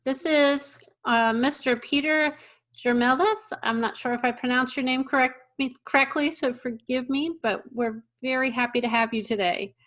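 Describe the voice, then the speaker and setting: A woman's voice: high-pitched, fairly even intonation, moderate pace, fairly bright tone. A woman moderating an interview, friendly, with short encouraging replies. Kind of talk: casual interview hosting.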